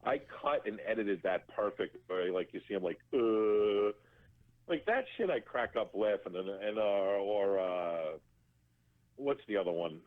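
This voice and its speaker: A man's voice: fairly low pitch, animated, measured pace. Profane man telling stories over a phone line. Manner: profane, laughing storyteller acting out quotes. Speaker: interview guest. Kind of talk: casual storytelling on a radio show.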